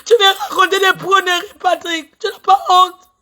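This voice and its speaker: A woman speaks into her phone during a live stream, her voice sitting high and sounding bright and piercing. She is tearful and agitated, circling back over the same grievances and pressing indignant questions on the listener. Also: little pitch movement, moderate pace. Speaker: livestreamer airing a complaint. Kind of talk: emotional social media live rant.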